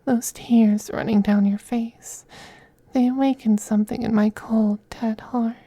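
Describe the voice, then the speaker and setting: This man voices a femboy vampire, possessive and teasing, for intimate ASMR, mostly in a breathy whisper full of coaxing, condescending tenderness. High and level in tone, he keeps a measured pace, and the recording has no echo. The feel is tender menace.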